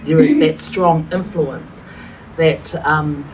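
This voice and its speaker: A woman's voice: deep voice, fairly even intonation, slow. Earnest New Zealand woman on a panel. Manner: earnest, reflective, many fillers. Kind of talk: panel discussion talk. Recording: distant mic with faint room noise.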